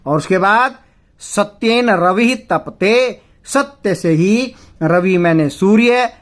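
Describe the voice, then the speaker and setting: A man teaching a class as a Sanskrit teacher, patiently explaining and slowly chanting verses before breaking them down word by word. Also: high voice, expressive. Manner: deliberate, with frequent pauses and fillers. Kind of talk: lesson explaining a textbook chapter.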